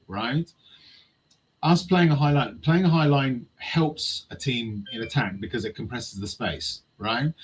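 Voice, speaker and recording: A man's voice: mid-range voice, a little mellow, slightly rough, poor audio. A man talking football tactics in casual chat, passionate and swearing freely.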